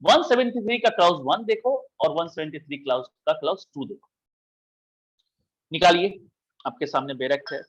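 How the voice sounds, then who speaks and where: Husky, high-voiced man teaching law. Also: moderate pace, pauses often, a bit bright, dull audio. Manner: explains step by step, asks and answers his own questions. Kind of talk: classroom lecture.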